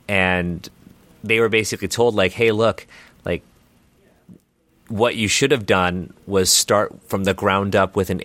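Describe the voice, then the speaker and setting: A man with a low, slightly bright voice answers interview questions, explaining earnestly and at length while often restarting his sentences. Chinese isn't his first language.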